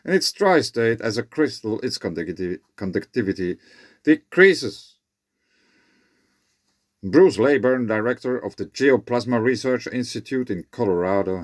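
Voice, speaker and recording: A man presents his own written research in a close, dry recording. His s sounds whistle as he speaks. He moves between reading aloud and informal asides, often halting and correcting himself. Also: lowish voice, no room sound.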